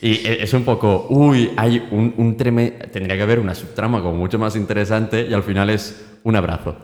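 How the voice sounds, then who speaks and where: A man's voice: on the low side, fairly even intonation, brisk, darkish tone. A man in casual podcast chat, blunt and sarcastic about a film. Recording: echoey room.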